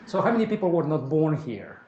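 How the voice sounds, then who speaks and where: A man's voice: on the high side, a little fast, lo-fi sound. A man from Peru with a Peruvian Spanish accent, leading an interactive writing seminar and often asking the room "correct?". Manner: animated, asks the room, often tags "correct?". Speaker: workshop leader. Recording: echoey room, faint noise.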